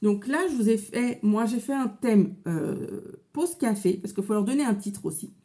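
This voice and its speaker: Chatty French woman, mellow voice. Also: on the high side, lively intonation, moderate pace. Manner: chatty, with frequent fillers. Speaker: crafting vlogger. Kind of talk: casual craft tutorial chat. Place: home office.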